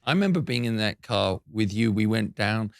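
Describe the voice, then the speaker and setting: A man hosts an interview from a studio, his voice sitting on the low side. He speaks earnestly and reflectively, and the recording is close and dry with no room sound. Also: animated, normal speed, gravelly, smooth, no echo. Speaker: show host. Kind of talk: casual interview chat.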